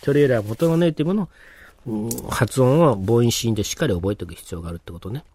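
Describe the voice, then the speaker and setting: A man's voice: mid-range voice, animated, fast, dark tone, breathy edge. Casual male pronunciation teacher. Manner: informal, explains with many fillers and tag questions. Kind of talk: casual explanatory lecture.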